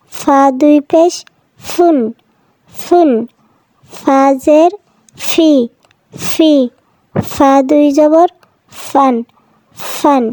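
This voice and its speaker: Slow, patient woman drilling syllables. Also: sits high, a little mellow, dry recording. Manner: patient, repeats each syllable twice. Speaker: Quran reading teacher. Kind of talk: slow phonics drill for children. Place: voice-over for a cartoon lesson.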